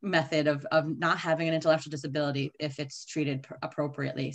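Female presenter, low pitch, measured lecture delivery with fillers. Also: fairly bright tone. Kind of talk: recorded training lecture.

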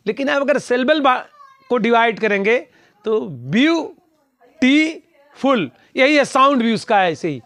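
A man's voice: very high-pitched, normal speed, fairly bright tone, dry recording. A middle-aged man teaching a vocabulary lesson, patiently repeating words for learners in a fatherly way. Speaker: language teacher.

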